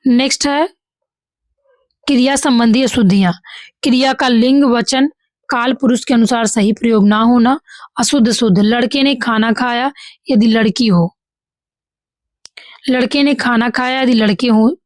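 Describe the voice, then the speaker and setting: Higher-pitched woman teaching Hindi grammar. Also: unhurried, pauses often, dry recording. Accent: Bihari Hindi. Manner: reads examples then corrects them, says "ठीक है" often. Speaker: exam-prep teacher. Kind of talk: hindi grammar lesson walkthrough.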